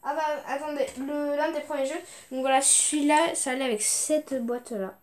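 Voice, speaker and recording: A young woman with a high, steady voice talks at a normal speed while displaying her video game collection. The unboxing chat is casual, but she hesitates often, using plenty of fillers and restarting her thoughts.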